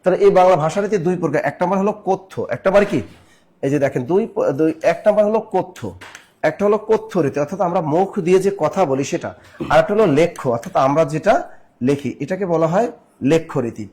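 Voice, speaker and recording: A man's voice: a little high, lively intonation, a little fast, a little mellow. A man from Barishal, Bangladesh, teaching a live exam-prep class. He repeats key points and keeps asking his listeners questions. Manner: repetitive, drilling, asks the audience questions.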